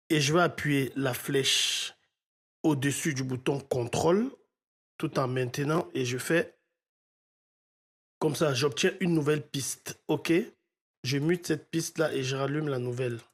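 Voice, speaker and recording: A man teaching audio mixing in a step-by-step tutorial, often checking in with his viewers. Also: mid-range voice. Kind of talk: screen-recorded software tutorial.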